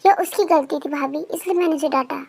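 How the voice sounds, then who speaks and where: A woman reading as a loud, pleading young husband. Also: high-pitched, fast, creaky. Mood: defensive. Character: playful, stubborn young man, loud husband.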